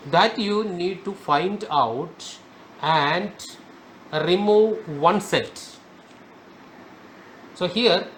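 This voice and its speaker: Slow, high-voiced man teaching grammar. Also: a bit bright, slight background noise. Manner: slow, emphatic, repeats key words. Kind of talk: spoken grammar lesson.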